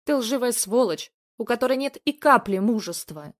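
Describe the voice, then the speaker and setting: A woman reading the part of a betrayed young woman who accuses and shouts at her cheating boyfriend. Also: a little high, expressive, normal speed, voice pushed up, close to an everyday voice. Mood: scornful. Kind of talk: storybook reading.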